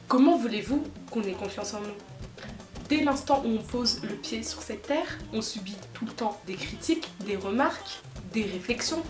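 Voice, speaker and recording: Indignant woman vlogger, echoey room. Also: a little high. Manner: firm, indignant appeals to viewers. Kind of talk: earnest direct-to-camera talk. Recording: echoey room with music behind.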